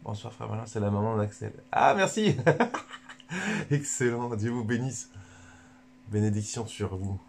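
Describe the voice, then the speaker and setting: Male friar, livestream teacher, lowish voice, slangy and jokey, frequent restarts. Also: unhurried, gravelly, long pauses, slight background noise. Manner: joking, animated, bursts of laughter between points; loose, colloquial, stumbles over words. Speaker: friar giving a spiritual talk.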